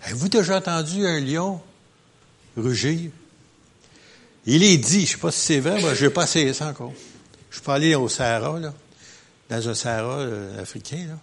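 A man preaching a sermon as pastor, animated and emphatic, with joking asides. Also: on the high side, normal speed, pauses often.

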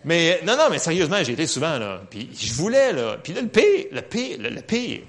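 A man with a Quebec French accent preaching in church, telling a personal testimony in an animated, laughing storytelling manner. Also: fairly high pitch, fairly quick.

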